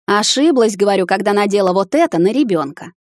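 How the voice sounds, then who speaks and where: A woman voicing a proud young witch heroine who is cool and mocking but quick to flare up. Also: mid-range voice, expressive, dry recording, studio quality, close to an everyday voice.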